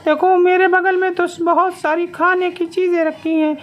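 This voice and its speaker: A woman's voice: extremely high pitch, flat delivery, moderate pace, noisy background. A woman voicing a kind, helpful doll lady who is eager to assist, in a children's toy play video. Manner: eager, sweet, reassuring. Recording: muffled lo-fi recording.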